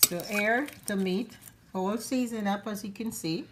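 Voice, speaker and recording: A woman's voice: medium pitch, unhurried. A woman hosting a home cooking show, talking casually through each step, her voice a little sick. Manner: relaxed, chatty, with fillers. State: slightly sick voice. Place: home kitchen. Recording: clattering kitchen noise behind. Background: pots, dishes and cutlery.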